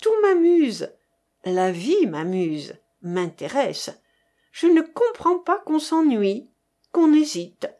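A woman's voice: sits high, very animated, slow, dark tone, voice pushed up, exaggerated voice. A woman voicing a cheerful, eager young woman student in a novel reading.

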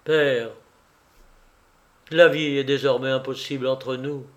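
A man's voice: fairly high pitch, lively intonation, normal speed. A man reading as a guilt-torn young man. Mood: anguished. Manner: tense, faltering, earnest.

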